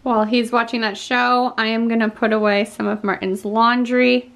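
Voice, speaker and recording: A woman's voice: on the high side, flat delivery, moderate pace, creaky, a bit bright, a little hiss or hum. A woman filming a casual home vlog, talking chattily to the camera and coaxing her toddler in a sing-song way. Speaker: mom vlogger.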